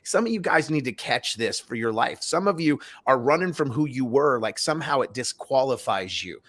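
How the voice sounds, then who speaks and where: A man's voice: medium pitch, lively intonation, normal speed, a bit bright. A male host of a faith talk show with an ordinary mid-range voice. He recaps what his guest says, then turns and preaches to the viewers. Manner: preachy, turns to address the audience.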